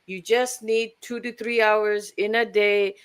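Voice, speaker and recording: A woman, giving a formal, measured business presentation as a guest mentor on a live stream. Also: medium pitch, steady tone, smooth. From Fiji.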